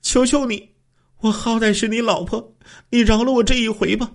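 A man's voice: sits high, unhurried, pitched above the performer's own voice. A man voicing a frightened young wife, pleading tearfully with her husband. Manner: tearful, begging.

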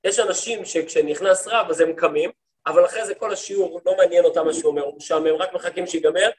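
A rabbi teaching a class for women, a man telling stories in a lively way and often turning to his listeners with questions. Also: high-pitched. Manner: lively storytelling, acts out quoted speech; talks to the listeners, asks them questions. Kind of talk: lecture to a women's study group.

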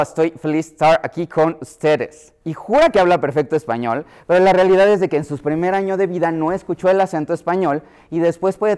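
A man's voice: fairly high pitch, darkish tone, clear, resonant tone. A middle-aged man with a Mexico City Spanish accent giving an explanatory lecture to pediatricians, often acting out voices he quotes.

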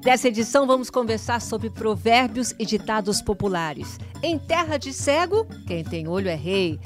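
A woman co-hosting a podcast, talking in a lively, conversational way and asking the guest questions. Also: on the high side, moderate pace, over music. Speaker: podcast co-host. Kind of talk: podcast interview.

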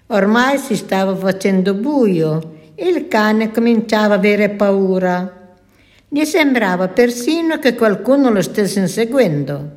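A woman, a nun, telling a children's story in a slow, gentle, deliberate way. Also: mid-range voice.

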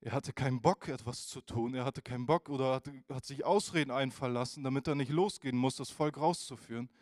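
A man preaching a casual youth sermon, informal and animated, who speaks straight to his listeners. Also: mid-range voice, a little fast, dry recording, studio quality.

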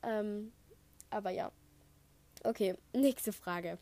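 A woman's voice: mid-range voice, slow pace, warm tone, dry recording. A thirteen-year-old girl from Saxony hosting her own podcast, chatting casually through listener questions and often drifting off topic with lots of fillers, recorded on a headset mic at home. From Saxony, Germany. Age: teenager, thirteen and a half. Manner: chatty, rambling, wanders off topic with many fillers. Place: at home, construction noise outside. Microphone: Apple headset.

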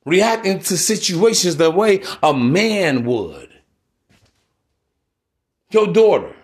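A man in his thirties hosts a podcast as a casual monologue. He lectures bluntly and swears freely. His voice sits high for a man. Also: big pitch swings, takes it slowly. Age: 30s. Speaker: podcast host.

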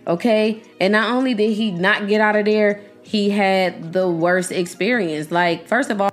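A young woman vlogging casually, emphatic and slangy, addressing her viewers as y'all. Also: mid-range voice. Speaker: vlogger reacting to a series. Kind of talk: casual chat.

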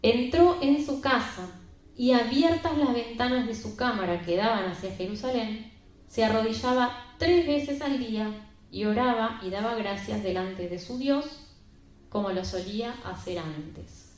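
A woman's voice: fairly high pitch, measured pace. A woman preaching a sermon and retelling a Bible story in an emphatic, conversational way. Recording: very echoey room with faint music.

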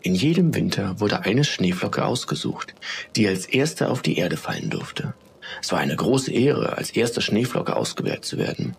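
A man narrating a children's bedtime story in a calm, steady storytelling manner. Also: on the low side, vocal fry, a little hiss or hum.

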